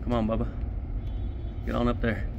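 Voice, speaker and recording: A refrigeration tech's gravelly, mid-range voice comes through monotone at a normal pace, on dull audio with heavy noise. Casually narrating from a head-mounted camera on a nighttime rooftop and in equipment rooms, he explains each step simply and swears often.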